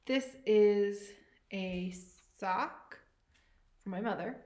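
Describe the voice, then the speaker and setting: A woman's voice: medium pitch, extremely slow, a little mellow, reverberant. A woman co-hosting a podcast, chatting casually and enthusiastically about knitting. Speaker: podcast co-host.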